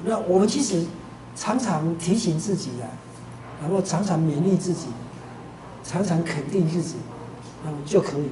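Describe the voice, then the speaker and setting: A man's voice: on the high side, moderate pace, pauses often, dark tone. Teacher in his fifties, chatty storytelling, recorded from a distance with background noise. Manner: conversational storytelling with frequent filler syllables. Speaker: Buddhist teacher. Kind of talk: Buddhist teaching talk. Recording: roomy, distant, noisy lecture recording.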